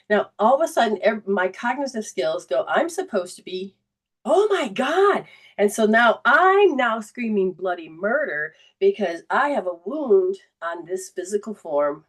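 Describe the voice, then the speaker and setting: A woman soul coach telling a personal story in a coaching talk, animated and full of restarts. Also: medium pitch, distant mic.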